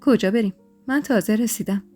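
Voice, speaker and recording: A woman's voice: fairly high pitch, dark tone, slightly rough. A woman voicing a playful, jealous young husband in a spoken story, talking in a bantering, teasing way. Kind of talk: storytelling podcast. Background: faint music.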